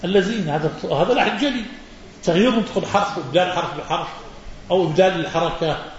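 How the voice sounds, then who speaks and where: A man with a slightly high voice delivers a quick-paced religious lesson and fields listeners' questions, stressing words in an animated way and acting out mispronunciations. The muffled recording is drenched in heavy hall echo, with faint background noise.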